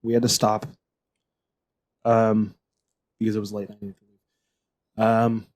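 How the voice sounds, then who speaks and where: A man with a mellow, warm voice, co-hosting a podcast in loose, casual chat. He rambles, and his sentences tend to trail off. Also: on the low side, monotone, slow pace. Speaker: podcast co-host.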